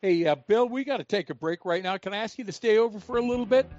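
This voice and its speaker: A man's voice: high-pitched, fast talker, darkish tone. A man hosting casual talk radio, with slightly dull sound. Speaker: radio show host. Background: guitar music.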